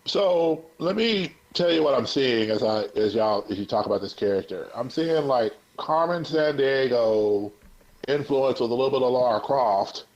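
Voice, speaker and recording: A man's voice: medium pitch, lively intonation, moderate pace, a little mellow. A man hosting a casual podcast chat, laid-back and thoughtful as he gives his thoughts on a character. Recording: slightly muffled lo-fi audio.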